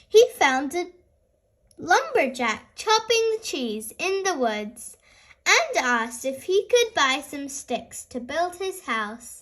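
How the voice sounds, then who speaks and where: A woman narrates a children's storybook as if opening a fairy tale. Her voice is very high, and she speaks slowly with big, lively swings in pitch. Her delivery is animated and sing-song, aimed at small listeners. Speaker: host reading stories aloud for small children.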